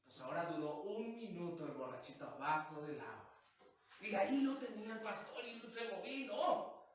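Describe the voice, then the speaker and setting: High-voiced pastor in an echoey church. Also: male voice, sing-song, moderate pace, a little hiss or hum. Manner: peppers talk with rhetorical questions. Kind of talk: sermon. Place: church sanctuary. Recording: echoey hall, mic far off.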